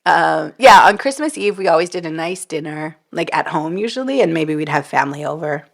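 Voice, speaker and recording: A woman co-hosting a podcast in casual chat, bubbly and quick to laugh. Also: deep voice, lively intonation, vocal fry. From Vancouver, Canada. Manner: bubbly, laughs often, chatty. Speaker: podcast co-host.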